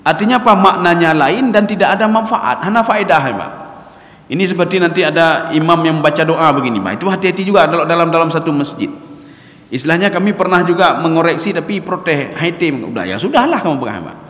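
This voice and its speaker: A man's voice: fairly high pitch, fairly quick. A man preaching a sermon, animatedly addressing the congregation as sir and miss. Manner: addresses the congregation as Pak and Mbak, loud and animated. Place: mosque gathering. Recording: echoey reverberant hall.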